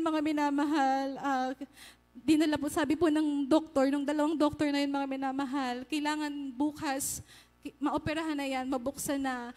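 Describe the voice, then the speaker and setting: High-voiced woman giving a church testimony. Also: darkish tone, long reverb tail. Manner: earnest, deferential, often addresses the congregation. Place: church hall.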